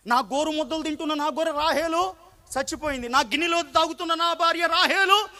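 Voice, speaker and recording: Preacher voicing a grieving old shepherd, soft and wailing, high bright voice. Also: male voice, fairly quick, heavily acted. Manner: wailing repetition. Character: grieving old shepherd man mourning his wife.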